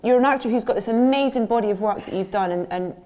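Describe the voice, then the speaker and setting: A woman hosting an on-stage interview at a festival, asking chatty, warm questions. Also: a little high, fast talker. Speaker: interviewer host. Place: large indoor festival venue.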